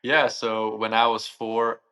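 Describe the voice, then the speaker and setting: A man's voice: on the low side, flat delivery, takes it slowly, sharp tone. A young man from Switzerland, a guest answering interview questions thoughtfully and searching for his words.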